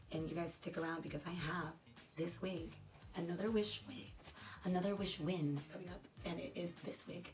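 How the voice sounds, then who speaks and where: A woman with a crackly, dry voice, chatting casually and rambling as she unboxes products for her vlog. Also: fairly low pitch. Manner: chatty, rambling, self-deprecating. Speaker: unboxing vlogger. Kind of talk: casual unboxing chat to camera.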